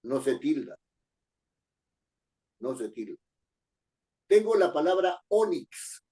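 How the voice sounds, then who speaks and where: Lively-voiced man teaching a lesson. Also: on the high side, takes it slowly. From Peru. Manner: repeats key phrases, asks the class rhetorical questions. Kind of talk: spoken lesson on writing and accent marks.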